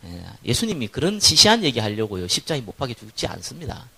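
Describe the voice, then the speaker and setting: A male pastor with a Gyeongsang accent, preaching a sermon and acting out the people in his stories, his voice rising loud for stress and dropping to quiet asides. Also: medium pitch, sing-song, quick pace, slightly rough. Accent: Gyeongsang Korean.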